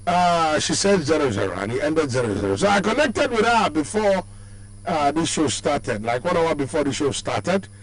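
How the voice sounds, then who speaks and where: A man with a Nigerian accent and a baritone voice, hosting a sports show on radio in a lively, sing-song way, with many fillers and restarts. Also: normal speed, poor audio. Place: radio studio. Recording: radio stream with faint hum.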